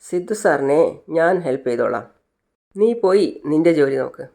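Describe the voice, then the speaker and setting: A woman's voice: deep voice, animated, moderate pace, creaky, warm tone. A narrator retelling a TV serial scene, voicing a jealous, possessive young woman who scolds sharply. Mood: jealous scolding.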